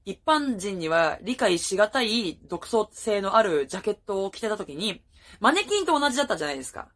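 A young woman chatting casually as a fan vlogger, gushing about idols with many fillers. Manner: chatty, gushing, lively rises in pitch. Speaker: idol fan YouTuber. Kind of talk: casual fan talk, reaction vlog.

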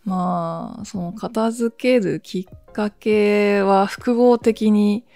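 Gravelly-voiced woman in rambling solo chat. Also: mid-range voice, darkish tone, dry recording. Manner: rambling and chatty, often laughing at herself; deliberately keeping her voice down. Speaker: podcast host. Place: home at night.

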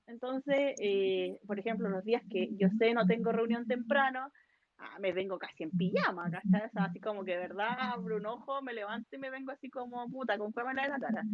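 A woman with a Chilean accent telling a story in a casual chat, animated and slangy. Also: a little high, no echo, dull audio.

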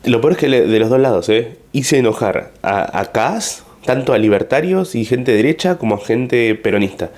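A comedian with an Argentine accent tells a story to camera, rambling casually and animatedly with plenty of fillers. His mid-range voice keeps a moderate pace with hardly any pauses.

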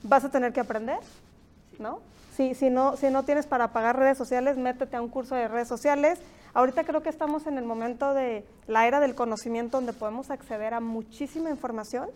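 A woman's voice: high voice, steady tone, a little fast, a little mellow. A woman with a Mexican accent hosting a podcast interview, reflective and thinking aloud, often ending points with a questioning tag. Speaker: podcast host. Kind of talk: conversational interview.

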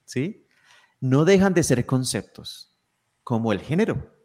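A man talking as a podcast guest in an easy, reflective way. He explains his ideas step by step and often restarts his sentences. His pitch sits right in the middle for a man. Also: big pitch swings, slow, a little mellow. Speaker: guest speaker. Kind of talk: conversational podcast talk.

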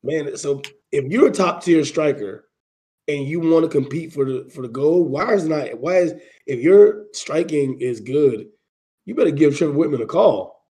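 A man hosting a casual sports panel discussion, speaking haltingly with repeated and restarted phrases. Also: on the high side, animated, dark tone. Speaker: panel host.

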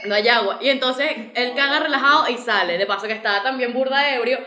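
A young Venezuelan woman chatting casually on a podcast, telling animated, slangy stories. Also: high voice, fast talker, echoey room. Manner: animated storytelling with slangy asides. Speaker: podcast panelist. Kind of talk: casual chat.

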